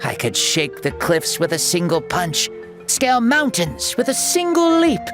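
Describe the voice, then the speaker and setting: In a game cutscene over music, an actor voices a jovial, boastful ancient warrior hero, starting out playful and teasing before turning grandly theatrical. His mid-range voice swings hugely in pitch at a measured pace.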